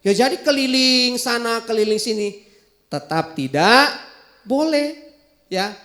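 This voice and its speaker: A man with a Javanese accent teaching a children's Bible lesson in an animated way, asking questions as he goes. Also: very high voice, measured pace. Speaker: Sunday school teacher.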